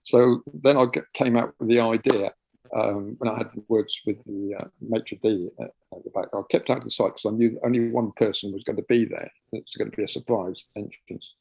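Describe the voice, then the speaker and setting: A man, a guest, telling an anecdote in an animated way, laughing and repeating words as he goes, heard as a slightly dull, lo-fi recording. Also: lowish voice, normal speed, gravelly, slightly rough, dry recording. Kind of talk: anecdotal storytelling.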